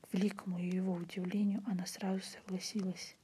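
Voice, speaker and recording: A woman reads a literary story in a breathy, unvoiced ASMR whisper, softly and in a measured way. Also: mid-range voice, level tone. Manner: soft, measured literary reading. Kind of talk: whispered ASMR audiobook narration. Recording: faint background noise.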